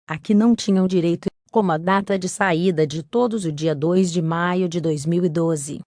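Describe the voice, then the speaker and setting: A computer-generated woman's voice with a robotic, text-to-speech sound, pitched fairly low. It reads a scripted case narration in an even, methodical way, and it sounds dry and close with no room around it. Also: no echo. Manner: even, methodical reading of court documents.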